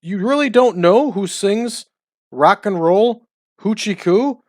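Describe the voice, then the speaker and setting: A man's voice: sits high, animated, slow pace, a little mellow, pitched above the performer's own voice. A man voicing a drunk, dazed barfly who slurs along and calls everyone man.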